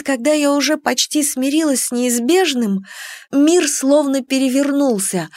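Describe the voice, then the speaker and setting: Female audiobook narrator, first person, expressive, slightly high, dry close sound. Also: no echo. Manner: expressive, emotional reading.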